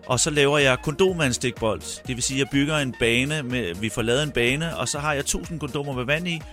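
Middle-aged man, mid-range voice, chatty storyteller, light music bed. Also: mid-range voice. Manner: long-winded, animated anecdotes. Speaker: radio guest, quiz setter. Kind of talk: casual storytelling chat.

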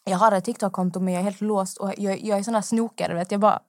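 A woman's voice: medium pitch, steady tone, a little mellow, no echo, clean studio sound. A young adult woman co-hosting a podcast, chatting casually, teasing her co-host and laughing easily. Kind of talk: casual chat.

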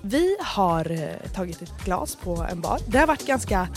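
A woman's voice: medium pitch, very animated, over music. A woman co-hosting a casual chat podcast. She tells her stories with animation and slips into English quotes. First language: Swedish. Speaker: podcast co-host.

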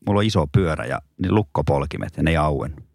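A man's voice: a bass voice, gravelly, darkish tone, no room sound, studio quality. A middle-aged man co-hosting a podcast, chatting casually and poking fun at himself. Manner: self-mocking, laughs often. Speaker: podcast co-host. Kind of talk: casual chat.

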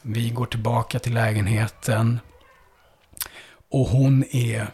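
Man, police officer, husky breathy voice, halting storytelling, many fillers, subdued. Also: mid-range voice, steady tone, darkish tone. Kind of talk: recounting a past call-out in a podcast conversation.

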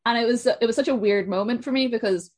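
A woman's voice: a little high, fast talker. A young woman with a west of Ireland accent, hosting a casual podcast interview. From Sligo, west of Ireland.

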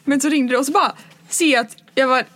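A woman with a fairly high voice in a casual podcast conversation. She jumps in with eager questions and replays her reactions with lively energy. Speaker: podcast co-host. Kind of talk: casual chat.

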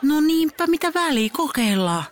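A woman's voice: high-pitched, very animated, very noisy, voice pushed up. Woman doing a playful schoolboy, casual, teasing kid talk.

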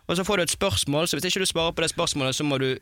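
A man's voice: on the high side, sharp tone, dry recording. A young man co-hosting a podcast in a studio, joking and bantering with his guest. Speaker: podcast co-host. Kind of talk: casual podcast chat.

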